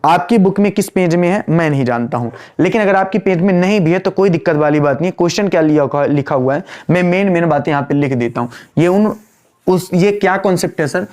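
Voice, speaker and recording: A male accounts teacher giving an online class lecture, repeating key phrases, quizzing his students, and drawling slowly while he writes entries on the board. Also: high voice, darkish tone. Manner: addresses students as "beta", chiding but patient.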